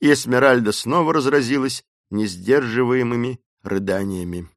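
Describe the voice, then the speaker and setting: A man narrating an adventure novel as an audiobook in a steady, expressive storytelling voice. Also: mid-range voice, normal speed, dry recording, studio quality.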